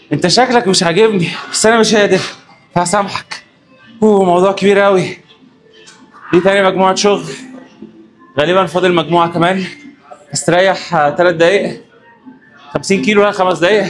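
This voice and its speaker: Egyptian man, gym vlogger, high voice, teasing banter, music behind. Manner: joking, teasing banter between sets; coaching instructions. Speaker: fitness vlogger. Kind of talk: casual workout vlog.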